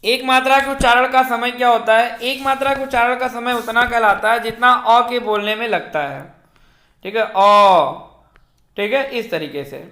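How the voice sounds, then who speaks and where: A man teaching a Hindi grammar lecture for exam preparation, slowly reciting and drawing out vowels, with frequent fillers as he checks that students follow. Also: extremely high pitch, fairly even intonation, bright, forceful tone, roomy sound. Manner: slow, repetitive, fills with "ठीक है" and "जो है"; draws out vowels when reciting them.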